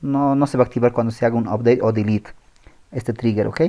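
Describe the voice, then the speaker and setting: A man's voice: mid-range voice, fairly even intonation, mellow. Man walking through code while he types. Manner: thinks aloud while typing, with pauses and self-corrections. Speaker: programming tutor. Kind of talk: screen-recorded coding tutorial.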